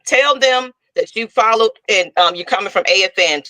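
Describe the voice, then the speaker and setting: A woman hosts a casual sports chat, teasing her guests and hyping them up. Her voice is bright and forceful. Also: mid-range voice, moderate pace, no room sound, low-quality recording. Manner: teasing, lively, hypes the guests. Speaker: podcast host.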